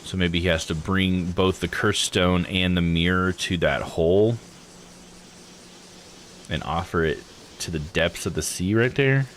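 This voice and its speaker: Live-streaming a visual novel, a man reads the game's text aloud and comments on it in a laid-back, informal manner. His voice is low-pitched yet fairly bright, his pace measured, and there's slight background noise.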